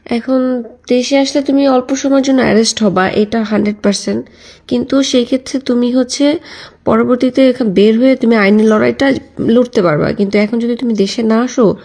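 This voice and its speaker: Bangladeshi lady giving advice on a phone call, mellow husky voice. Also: mid-range voice. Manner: questioning and advising.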